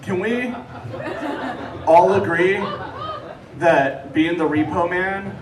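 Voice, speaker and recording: A man's voice: sits high, slow pace. A man doing a stand-up comedy set in a casual storytelling manner with hesitant asides, talking to a live audience. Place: echoey room with a live audience. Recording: roomy distant live recording, clear noise. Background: audience laughter and room noise.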